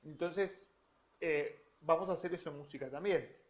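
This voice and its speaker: High-voiced Rioplatense man teaching piano. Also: highs cut off. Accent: Rioplatense Spanish. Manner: explanatory, counts rhythms aloud while playing, drawn-out stressed words. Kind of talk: piano lesson, counting beats aloud. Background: piano playing.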